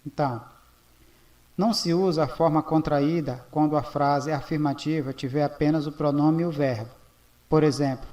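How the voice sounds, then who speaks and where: A man from Brazil teaching English grammar at a board in a slow, explanatory way, often checking in with "ok?". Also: a little high, a little mellow.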